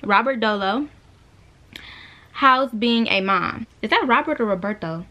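Answering viewer questions in a casual vlog, this 21-year-old woman speaks a little slowly in a slightly high, animated voice that sounds pushed and bright. She films herself at arm's length in a small bedroom. Her talk is loose, relaxed and chatty, full of "like," "you know" and other fillers.

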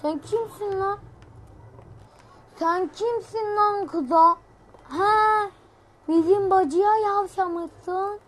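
A woman putting on a swaggering street tough who slowly and threateningly confronts someone. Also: very high voice, voice pushed up, full character voice. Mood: menacing. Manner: drawling, threatening.

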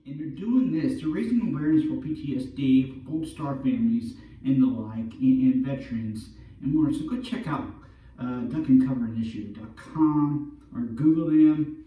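A man's voice: mid-range voice, normal speed, narrow, tinny audio. A middle-aged man talking casually and informally to a distant camera in an empty room, as a vlogger. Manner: informal, peppers talk with "look" and "all right". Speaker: vlogger and veterans' awareness campaigner. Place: empty carpeted room indoors. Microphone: far camera. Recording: roomy echo, distant camera mic.

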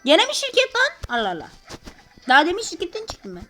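A woman hosting a gameplay video with a high voice that leaps up and down constantly. She talks in slangy commentary and keeps bursting into loud exclamations. Faint game music plays underneath. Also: huge pitch swings, brisk. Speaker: gameplay channel host.

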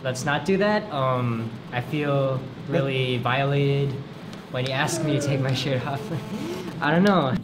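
A man's voice: medium pitch, very animated, measured pace. A young man playing a flustered, exasperated guy who stammers and gets fed up. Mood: uneasy. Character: flustered young man pushed too far. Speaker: flustered actor in an improvised film. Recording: noisy background.

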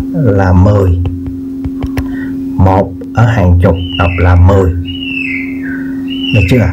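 A man teaches children's arithmetic at a very slow, patient pace, often repeating himself and stopping to check that viewers are following. His voice sits rather low. The recording is dull and lo-fi, with clear guitar music playing behind him. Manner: slow, repeats words and asks "được chưa?". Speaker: math teacher. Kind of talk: slow explaining lesson for children.

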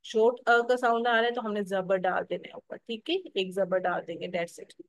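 A woman with a Pakistani Urdu accent teaching a phonics lesson for teachers, slowly sounding out syllables and often checking in. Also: medium pitch, fairly even intonation, dry recording, poor audio. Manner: explanatory, checks in with "theek hai" often.

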